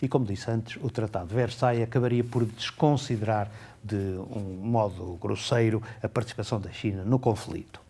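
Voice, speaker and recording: A man, speaking in a fairly low voice. He reviews a book in a calm, measured way and takes his time over each passage he reads aloud. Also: husky. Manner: measured, reads excerpts slowly and deliberately.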